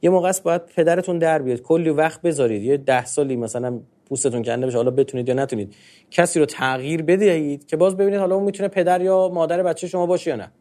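A man with a fairly high voice gives a religious talk in an easy, conversational way. He keeps the listeners engaged with rhetorical questions that he answers himself. His speech stays informal and uses polite fillers. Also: dark tone.

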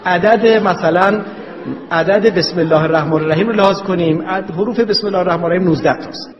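Man lecturing in a reverberant hall. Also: sits high. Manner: explanatory, uses rhetorical questions and numbered points. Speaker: traditional medicine lecturer. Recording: dull, reverberant hall recording.

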